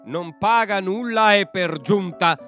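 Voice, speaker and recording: Slow expressive male storyteller. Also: high-pitched, soft background music. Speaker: storyteller, podcast host. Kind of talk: fairy tale narration.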